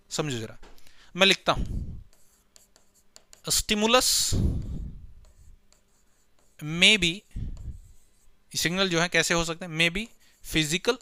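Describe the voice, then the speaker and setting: Bright and forceful, this man's high-pitched voice comes through a dry recording as he gives a playful biology lecture to a class. He repeatedly asks questions only to answer them, addressing his listeners as his children.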